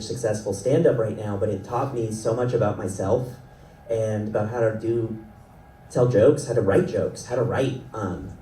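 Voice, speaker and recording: A man in his thirties from South Florida, with an Ecuadorian family, speaks on a festival panel as an animation writer and creator, rambling, self-deprecating and laughing often. His lowish voice has a dark tone, captured by a distant mic in an event hall with roomy sound and faint noise.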